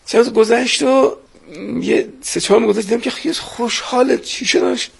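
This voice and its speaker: A man's voice: very high-pitched, fairly even intonation, vocal fry, husky. A man recalling his brothers in the war, telling the story and quoting his family. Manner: storytelling, quotes family members. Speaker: brother of fallen soldiers. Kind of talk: emotional interview recollection.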